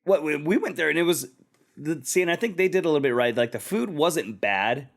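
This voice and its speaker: A man co-hosting a podcast, rambling through anecdotes with a relaxed, casual manner. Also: a little high, brisk, creaky. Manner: rambling storyteller, many restarts. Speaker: podcast co-host.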